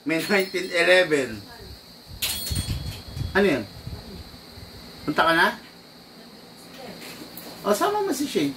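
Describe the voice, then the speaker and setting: A man casually hosting a live stream from an airsoft shop, chatty and quick to laugh as he greets viewers. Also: high voice, wildly swooping pitch, vocal fry, pushed and bright. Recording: distant mic, faint background noise.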